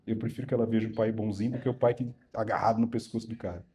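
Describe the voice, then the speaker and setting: Adult daughter, teasing, mellow voice, voiced by a male preacher. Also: lowish voice, fairly even intonation, very fast, breathy edge.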